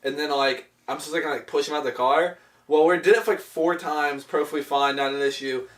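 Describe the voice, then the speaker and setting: A young man chatting as a guest on a casual podcast, telling stories quickly and laughing along. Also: on the high side, steady tone, a bit bright, roomy sound. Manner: fast, storytelling, laughs along. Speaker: podcast guest, actor in the film. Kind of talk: casual chat. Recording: distant mic, faint noise.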